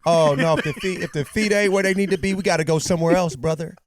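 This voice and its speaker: A man's voice: fairly high pitch, fairly even intonation, fast, crowd noise. A man co-hosting a podcast in casual chat, laughing often and checking in with "you know what I mean" after his points. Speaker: podcast co-host.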